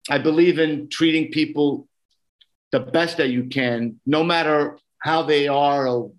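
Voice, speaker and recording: A man's voice: on the high side, steady tone, measured pace, low-quality recording. A man with a Brooklyn accent chatting casually as a podcast guest, earnest and often repeating his phrases. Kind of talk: casual conversation.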